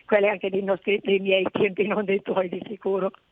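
A woman's voice: medium pitch, little pitch movement, normal speed, no echo. A woman in her seventies calling in to a radio show over the phone, chatty and drifting off topic. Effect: heard over a phone line. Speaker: radio caller. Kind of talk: chatty reminiscing call-in. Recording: dry tinny phone line.

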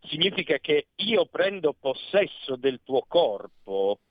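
A man speaking as a guest commentator over a phone line, arguing earnestly and pausing often with fillers. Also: fairly high pitch, dry recording. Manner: earnest, argumentative, pauses with many fillers. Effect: heard over a phone line. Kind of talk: radio talk interview. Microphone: telephone.

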